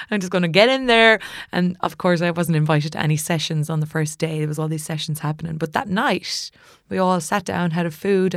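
A woman's voice: fairly low pitch, dry recording, clean studio sound. A woman with a West of Ireland accent telling a personal story casually and animatedly, acting out what people said. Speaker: musician and songwriting teacher.

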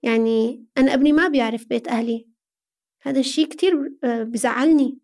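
A Syrian woman speaks in a high-pitched voice as she answers in an interview. Her delivery is conversational and earnest, laying out explanations and posing rhetorical questions as she goes. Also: fast, a little mellow. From Syria, Aleppo. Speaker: interview guest.

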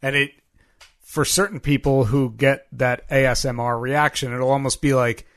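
A man's voice: mid-range voice, steady tone, normal speed, a bit bright. A man in his thirties with a mid-range voice co-hosts a casual podcast. He trades playful, self-mocking banter. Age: 30s. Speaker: podcast co-host. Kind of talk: casual comedic chat.

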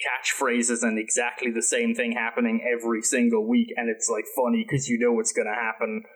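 A man who grew up in Britain talks through a film review in a casual podcast chat. His voice sits at an ordinary middle pitch. He rambles, hedging with fillers and doubling back on himself as he goes. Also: level tone, brisk. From United Kingdom. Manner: rambling, hesitant, with many fillers and restarts. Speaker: podcast co-host.

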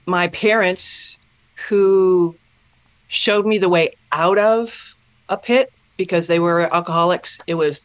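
A middle-aged woman, a podcast guest, telling her story in an earnest, thoughtful way, often pausing and restarting a thought. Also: lowish voice. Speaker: podcast guest, self-mastery mentor. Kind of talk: reflective personal storytelling.

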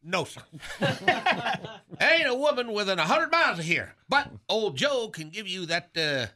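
An actor playing a sly, folksy frontier saloon barkeep in a comic radio sketch, with a rural American drawl and an amused manner. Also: male voice, sits high, big pitch swings, moderate pace, sharp tone, full character voice. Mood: sly amusement. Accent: American rural Southern-Western drawl.

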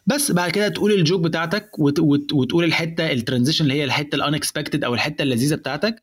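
A young man with an Egyptian accent, explaining in casual chat how to build a stand-up joke, animated and mixing in English words. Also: on the high side, very fast, slightly rough. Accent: Egyptian Arabic.

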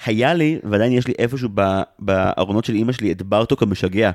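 A man in his thirties hosting a podcast, chatty and jokey, full of quick asides. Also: lowish voice, a little mellow. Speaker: podcast host. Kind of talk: casual podcast chat.

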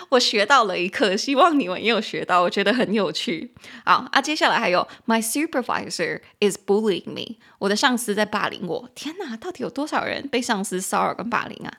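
A woman with as her hosts a chatty English lesson podcast. She drills pronunciation by spelling words out and saying them slowly, over and over. Her voice swings widely, leaping into high, excited bursts. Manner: spells out words and repeats stress patterns slowly. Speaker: podcast host teaching English.

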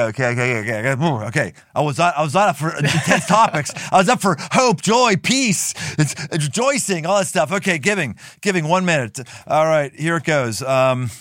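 A man's voice: on the high side, animated, normal speed, fairly bright tone, dry recording, clean studio sound. A man hosting a casual chat and preaching off the cuff, playfully competitive and repeating phrases for emphasis. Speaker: podcast host and preacher.

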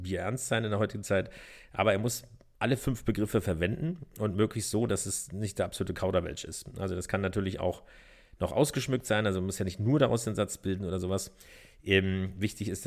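Casting: male podcast co-host, deep low voice with a creaky edge, calm and hesitant, casual explanatory chat.

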